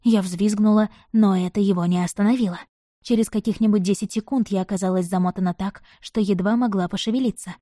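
A woman narrating a romance novel in the first person, with an expressive, dramatic reading. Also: mid-range voice, quick pace, dry recording, clean studio sound. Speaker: audiobook narrator.

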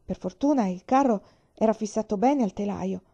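A woman voicing a steady, reassuring pioneer father in an audiobook. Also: mid-range voice, moderate pace, vocal fry, breathy edge. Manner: reassuring, cheerful in danger. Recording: slightly dull recording.

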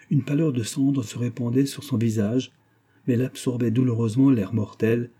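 A man reading a classic novel aloud in a measured, even storytelling manner. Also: medium pitch, breathy edge. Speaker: audiobook narrator. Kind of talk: scripted narration of a classic novel.

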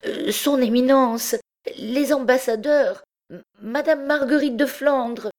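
A woman's voice: high voice, very slow, a little mellow, voice pushed up. A woman reading an audiobook, voicing a frightened male stage actor who stammers and then bellows to a crowd. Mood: flustered.

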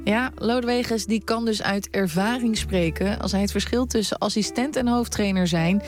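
A woman reporter narrating a sports radio feature in a measured, clear way and putting questions to a guest. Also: medium pitch, soft background music.

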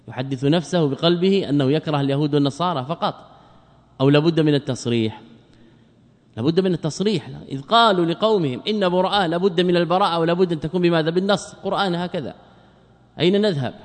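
A man teaching a religious text as a sheikh, lecturing quickly and asking his students questions he then answers himself. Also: a little high, big-room sound.

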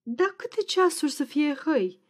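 A woman's voice: fairly high pitch, very animated. Woman reading as a sleepy grumbling old peasant.

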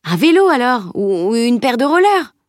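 Cheeky joking teen boy, woman reading him, lively and playful in a storybook. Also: fairly high pitch, normal speed, no echo, studio quality, voice pushed up. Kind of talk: audiobook character reading.

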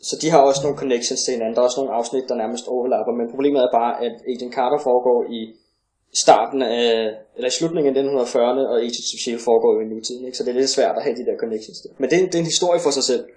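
A man's voice: mid-range voice, a little mellow. A man co-hosting a casual podcast, talking with enthusiasm and many fillers. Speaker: podcast co-host. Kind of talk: casual chat. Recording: roomy echo.

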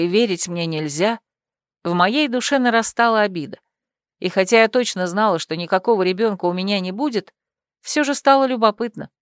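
A woman narrating a first-person fantasy novel as an audiobook in an expressive storytelling manner. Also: medium pitch, dry recording, studio quality.

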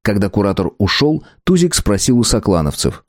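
A man narrating an audiobook with expressive storytelling, close to the mic. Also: on the low side, brisk, no echo. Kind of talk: scripted narration.

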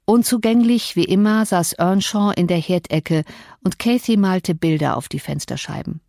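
A woman reading a novel aloud as an audiobook narrator in a calm, measured way. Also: fairly low pitch, no echo, studio quality. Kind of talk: scripted narration.

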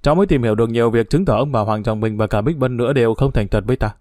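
A man voicing a troubled young man in a storybook reading, answering in quick, tense lines. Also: medium pitch, darkish tone, dry recording, clean studio sound, natural voice.

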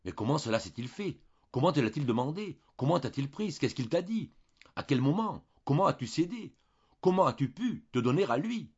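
A man voicing a distraught young noblewoman who fires off urgent, rapid questions. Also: fairly high pitch, animated, husky, dull audio, voice pushed up. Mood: frantic questioning.

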